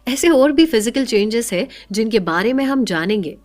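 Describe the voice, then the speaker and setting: A woman giving a calm, measured, motivational book-summary narration. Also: on the high side, soft background music. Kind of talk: scripted narration.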